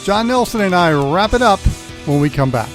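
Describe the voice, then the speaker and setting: An American sports radio host runs through college football news and previews in a partly scripted round-up. His voice is high-pitched and animated, moving at a normal speed with music playing behind him.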